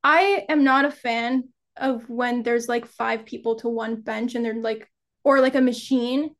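A young woman guesting on a podcast, her voice quite high. She tells animated stories in easy casual chat and laughs between them. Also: unhurried.

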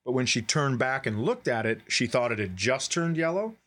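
In a sing-song, slightly bright, mid-range voice at normal speed, a middle-aged American podcast co-host spins casual comic stories. He is wry and profane and voices the dialogue himself.

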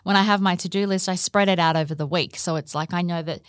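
A woman with an Australian accent talks as the host of a casual solo podcast. Her voice sits a little low, and the recording is very dry with no room sound. She is chatty and informal, with the odd mild swear word. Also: steady tone, fast talker, smooth, no room sound.

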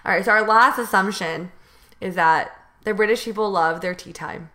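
A woman's voice: mid-range voice, normal speed, sharp tone. A young American woman hosting a podcast, talking casually with lots of restarts. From United States. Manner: hesitant, many fillers and restarts. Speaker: podcast host. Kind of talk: casual chat.

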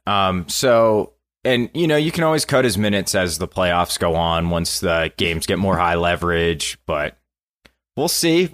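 A man's voice: fairly low pitch, fairly bright tone. A man hosting a casual sports podcast, joking with his co-hosts and laughing often as he runs the segment. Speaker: podcast host.

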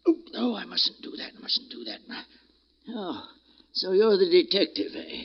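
An actor playing a frail, frightened old ex-gangster, rambling and drowsy, in a 1940s radio drama. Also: male voice, high voice, sing-song, normal speed, slightly rough, exaggerated voice. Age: older. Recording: dull lo-fi old radio broadcast.

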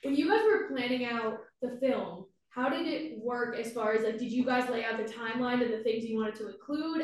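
A woman co-host asking curious questions that she keeps rephrasing, on an echoey, distant mic. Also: a little high. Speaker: podcast co-host. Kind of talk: casual interview chat.

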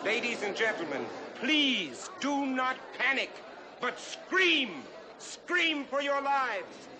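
An actor playing a man in an old film who warns a cinema audience that a monster is loose, speaking with urgent theatrical shouting. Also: very high-pitched, big pitch swings, takes it slowly, exaggerated voice. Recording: old film clip with screaming crowd and noise.

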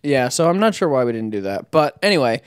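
A man's voice: medium pitch, big pitch swings, fast, smooth, dry recording, studio quality. A young man co-hosting a podcast, telling a story casually with giggles and jokey asides. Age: young adult. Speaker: podcast co-host.

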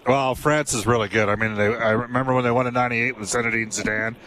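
A man's voice: medium pitch, fairly even intonation, quick pace, bright, forceful tone, rough recording. A man in his fifties hosting a sports radio show, chatty and rambling, often losing his thread. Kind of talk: casual sports talk.

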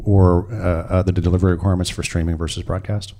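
A man moderating a live panel question session, speaking in a halting way. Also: sits low, level tone, mellow.

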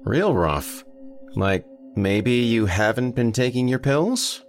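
A man's voice: medium pitch, big pitch swings, slow, soft background music, pitched above the performer's own voice. A man voicing an arrogant talking green fly in a spoken story, with a needling manner.

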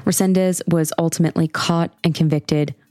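A woman hosting a podcast, reading scripted true-crime narration in a measured, explanatory way. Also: sits low, steady tone, over music.

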